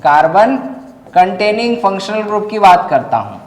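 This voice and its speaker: A man's voice: high voice, sing-song, normal speed. A man with a Chhattisgarh accent teaching a chemistry class, asking students questions and then answering them himself. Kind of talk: classroom lecture. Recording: echoey classroom with long reverb.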